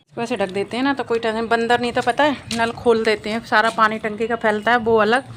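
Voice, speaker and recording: A woman's voice: on the high side, fairly even intonation, fairly quick, fairly bright tone, a little hiss or hum. A woman chatting casually to her viewers in a homely vlog, talking directly to the audience. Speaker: vlogger.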